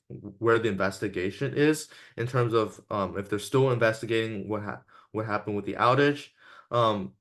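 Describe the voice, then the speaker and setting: A teenage boy co-hosting a podcast, talking casually in a halting way, hedging with "I think" and "um" before he poses questions. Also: mid-range voice, fairly bright tone. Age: teens. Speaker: podcast co-host asking the questions. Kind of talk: casual discussion.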